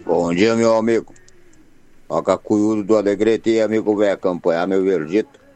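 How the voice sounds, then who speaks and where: A man's voice: on the low side, steady tone, normal speed, dark tone, dry recording, faint music behind. A man with a Rio Grande do Sul accent calls a morning radio show over a two-way CB radio. He uses radio-operator sign-offs and rattles off greetings to friends. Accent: Rio Grande do Sul Brazilian Portuguese.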